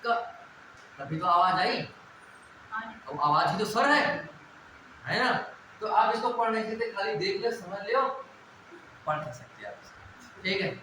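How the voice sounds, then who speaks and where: A man's voice: high-pitched, measured pace, pauses often. A male teacher giving a classroom lecture, asking questions and answering them himself and repeating the key points. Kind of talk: classroom lecture on Hindi grammar. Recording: very echoey room with background noise.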